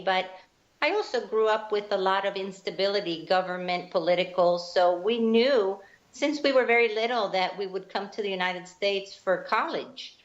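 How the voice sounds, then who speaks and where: A Guatemalan woman who is a spiritual teacher tells her life story as an interview guest, sounding earnest and reflective. Her mid-range voice is a bit bright, and the recording comes through a dull lo-fi line.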